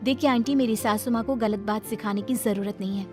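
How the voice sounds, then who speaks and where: A woman voicing a young newlywed wife in a cartoon story, speaking softly and respectfully. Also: medium pitch, a little fast, over music, natural voice. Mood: firm. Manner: soft, respectful, worried pleading. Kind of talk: cartoon voice acting.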